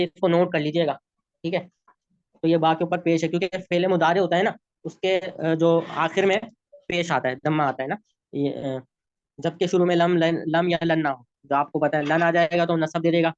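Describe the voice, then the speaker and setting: Urdu-accented male tutor, higher register, patient and repetitive, dry muffled video-call audio. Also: dry recording. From Pakistan. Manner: patient, repeats rules, checks understanding. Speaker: Arabic grammar teacher. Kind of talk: online class lesson.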